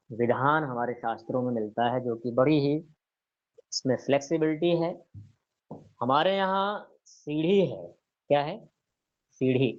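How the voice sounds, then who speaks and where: A man teaching a scripture lesson, reciting verses slowly and putting rhetorical questions to his listeners. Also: medium pitch, muffled recording. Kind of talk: explanatory religious lecture.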